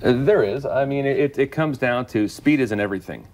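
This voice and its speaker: A man's voice: medium pitch, brisk, a little mellow. A man, an auctioneer, talking casually in an interview and explaining things with examples.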